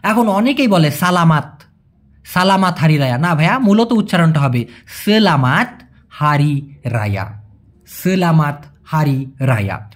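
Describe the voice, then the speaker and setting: Husky, lively language teacher. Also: mid-range voice. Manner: explains patiently, repeats words slowly, acts out everyday examples. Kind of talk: spoken language lesson.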